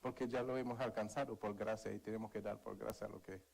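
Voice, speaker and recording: A man's voice: fairly low pitch, steady tone, fast talker, creaky, darkish tone, breathy edge, poor audio. Male preacher, earnest, sermon with a personal story. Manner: earnest, calls for amens, tells a story.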